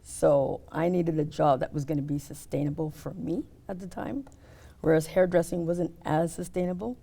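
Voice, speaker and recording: A middle-aged woman talking casually in an interview about her work as an optician, explaining step by step with many pauses. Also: sits low, creaky, mellow. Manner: explains step by step, hesitant fillers.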